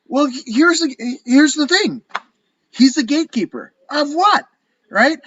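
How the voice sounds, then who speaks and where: A man co-hosting a casual podcast chat, animated and profane, rambling through his rants. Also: very high voice, a little slow, dry recording, muffled recording. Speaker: co-host.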